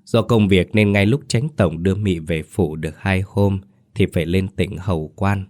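A male storyteller reading a ghost story in a measured, solemn way. His voice is very deep and low. The recording is dry and close, with no room sound. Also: a little mellow, dry recording. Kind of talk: scripted audiobook narration of a ghost story.

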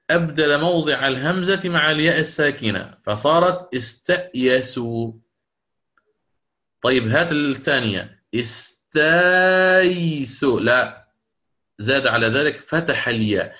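A man teaching Quranic recitation rules in a lecture, explaining step by step, asking questions back and slowing into drawn-out chanted recitation for the examples. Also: mid-range voice, sharp tone.

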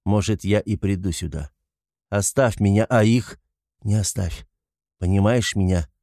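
A man reads a brooding young student with a deep, dark voice, his speech low and muted. The tone stays heavy and halting. It is dry and close, in the manner of a storybook reading. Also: dry recording. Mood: cold, quiet. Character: brooding young male student, feverish and withdrawn.

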